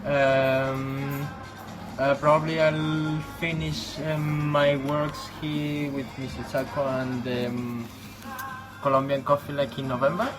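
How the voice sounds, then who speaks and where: A man's voice: medium pitch, flat delivery, slow pace, over music, rough recording. Venezuelan man answering with many ums. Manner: hesitant, many ums and likes. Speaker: taco shop worker. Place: taco shop.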